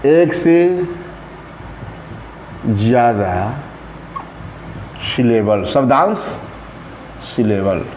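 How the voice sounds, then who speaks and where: A man teaching an English grammar lesson in Hindi, speaking slowly and repeating words while he writes them out. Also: medium pitch, animated, darkish tone. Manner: slow, drawn-out, repeats words while writing on a board. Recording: echoey room, faint background noise.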